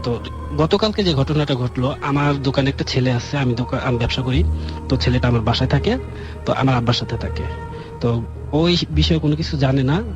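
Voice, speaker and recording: A man calling in to a radio show, earnestly telling a frightening experience from his own home in a halting way. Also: mid-range voice. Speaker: caller. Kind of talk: telling a personal ghost story. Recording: dull lo-fi radio broadcast with music.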